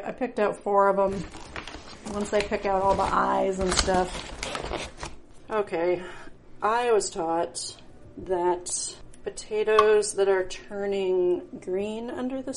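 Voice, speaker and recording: A woman's voice: medium pitch, background noise. A middle-aged woman talking casually while she cooks in her home kitchen, thinking aloud and chatting as she works. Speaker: home cook. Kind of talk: casual cooking vlog narration.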